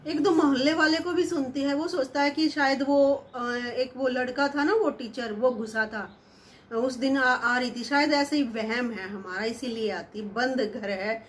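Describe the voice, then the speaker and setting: A woman's voice: sits high, fairly even intonation, unhurried, a little hiss or hum. A woman casually telling a story, chatty and musing aloud as she goes.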